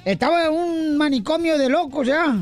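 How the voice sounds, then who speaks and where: A playful man hosts a comedy radio show, voice pitched high. He tells jokes and acts out the characters in them. Faint music plays behind him. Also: moderate pace. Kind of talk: joke-telling radio banter.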